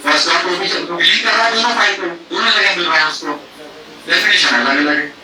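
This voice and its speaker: A man's voice: high voice, fairly quick, pushed and bright, roomy sound, far from the mic, rough recording. A man lecturing on programming errors, asking rhetorical questions, using homely food analogies and mixing English technical terms into his talk. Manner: mixes English technical phrases into Hindi. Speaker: professor teaching a faculty workshop.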